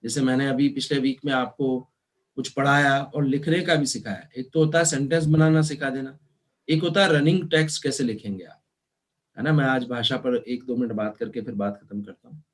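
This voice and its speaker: A man teaching an online class, explaining slowly and spelling words out letter by letter, mixing in English terms. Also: medium pitch, fairly even intonation. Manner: mixes Hindi with English terms. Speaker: law teacher.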